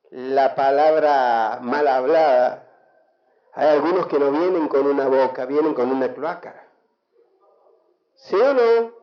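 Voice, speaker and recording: An Argentine man preaches a sermon in a high voice, measured and unhurried. He speaks emphatically and draws responses from the congregation. The sound is dull and lo-fi, ringing in an echoey church hall. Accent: Argentine Spanish. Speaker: pastor.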